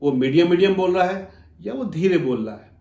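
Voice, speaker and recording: Animated male coach, echoey room. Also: high voice, fairly quick, creaky, dull audio. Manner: animated, acts out customer dialogues; addresses listeners as friends. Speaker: soft skills coach. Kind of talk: motivational lesson.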